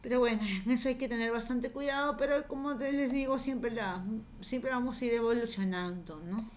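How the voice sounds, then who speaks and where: A woman's voice: a little high, normal speed, a little hiss or hum. A woman teaching a university writing class, explaining patiently in a conversational way and often tagging her sentences with a questioning "no?". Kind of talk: conversational online class lecture.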